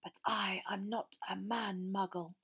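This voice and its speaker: A woman voicing a cold, cruel dark lord in a storybook reading, with a whispery, slow and deliberate delivery. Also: a little high, expressive, full character voice. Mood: sinister, imperious. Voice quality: whispery, breathy.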